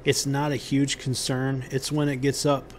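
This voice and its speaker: A man giving unscripted how-to instructions on a building site outdoors, pausing often with ums and restarting his sentences. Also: mid-range voice, completely flat delivery, a little hiss or hum. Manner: halting, many ums and restarts.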